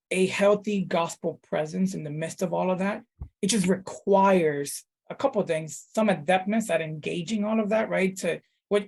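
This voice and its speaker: A man's voice: sits high, gravelly, a little mellow, husky. A man in his thirties from the Dominican Republic, a pastor talking casually in an interview, thoughtful, with many fillers and restarts. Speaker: pastor, guest.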